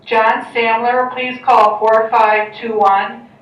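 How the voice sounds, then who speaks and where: A woman making a slow, flat paging call over a PA system, heard as a school office announcement. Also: fairly high pitch. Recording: echoey, distant, dull loudspeaker sound.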